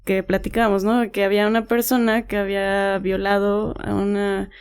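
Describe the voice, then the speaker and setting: A woman's voice: medium pitch, little pitch movement, normal speed, clear, resonant tone. A woman in casual podcast conversation, speaking reflectively with an indignant edge.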